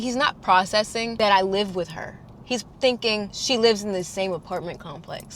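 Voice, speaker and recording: Young woman vlogger, casual storytime, animated delivery. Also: background noise. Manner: animated, acts out quotes in higher voices.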